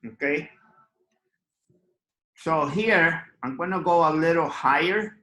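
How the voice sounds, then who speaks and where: A man teaching an online drawing class, talking slowly and patiently and often checking in with "okay?". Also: on the high side, pushed and bright, roomy sound, low-quality recording. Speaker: art teacher.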